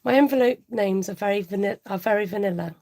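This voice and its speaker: A woman's voice: mid-range voice, fast talker, a little mellow. A woman in her forties chatting casually on a budgeting livestream, giggly and reading out viewer comments.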